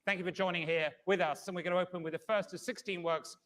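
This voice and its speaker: Quick, high-voiced male fine art auctioneer. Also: fairly even intonation, fairly bright tone. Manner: polished, courteous, repeats bid figures. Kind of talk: formal auctioneering, calling bids to a saleroom. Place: large auction saleroom.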